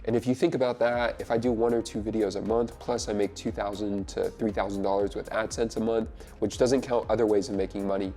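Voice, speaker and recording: Sitting on the floor of his two-bedroom house in California, a web developer and YouTube creator talks casually to the camera in a fairly low, warm, level voice, quick and with few pauses. Slightly congested from a cold, he's upbeat, chatty, and emphatic, leaning on "literally," while faint music plays behind him.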